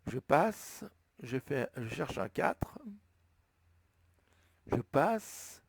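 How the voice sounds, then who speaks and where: A man with a French accent slowly explaining, step by step, how to enter a flight plan, thinking aloud as he goes. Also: mid-range voice, big pitch swings, gravelly, breathy edge, no room sound. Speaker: flight sim tutorial maker. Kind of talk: screen-recorded tutorial narration.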